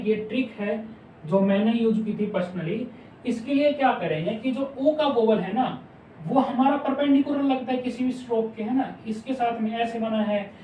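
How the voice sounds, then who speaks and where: A man's voice: very high-pitched, dark tone, far from the mic, slight background noise. Man teaching shorthand in an echoey room. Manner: repeats each word slowly, asks questions back to the class. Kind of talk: explaining step by step. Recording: echoey room, mic some way off.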